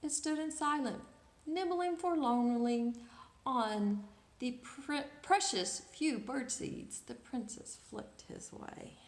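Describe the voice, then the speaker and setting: A woman with a high voice reads a picture book to children, taking it slowly, elongating words and posing questions to them. She's a storyteller hosting a read-aloud, and the room is echoey.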